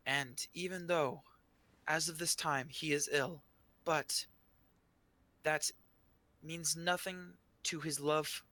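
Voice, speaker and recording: A man's voice: fairly high pitch, fairly even intonation, slow, pauses often, pushed and bright, no room sound, voice pushed up. A man voicing a shy, nervous woman arcanist giving an earnest, formal announcement in a tabletop game.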